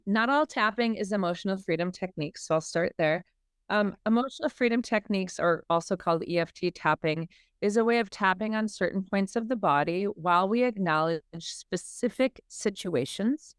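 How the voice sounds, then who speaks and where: Minnesota woman on a podcast, middle-aged, smooth clear voice, dry sound, acts out little inner voices. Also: on the low side, dry recording. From Minnesota, USA. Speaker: guest, emotional healing coach. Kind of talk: podcast interview.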